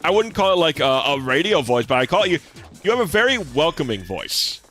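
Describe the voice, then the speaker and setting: A young man with a slight lisp chats easily with viewers as he streams a game, dropping swear words in a laid-back manner. His relatively deep voice is sing-song, brisk and a bit bright, with faint music behind.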